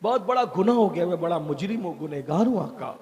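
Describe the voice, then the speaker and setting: A man's voice: high voice, lively intonation, quick pace, a little mellow. A man voicing a remorseful young grave robber who pleads and confesses through tears. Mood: confessing.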